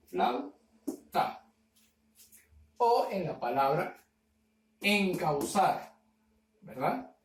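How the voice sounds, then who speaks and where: A male teacher calmly working through a grammar exercise for primary pupils, stretching out example words syllable by syllable and often checking in with "¿verdad?". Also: high-pitched, far from the mic, slight background noise. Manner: slow, syllable-by-syllable word spelling with frequent "¿verdad?". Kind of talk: recorded grammar lesson. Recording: echoey room, voice off-mic.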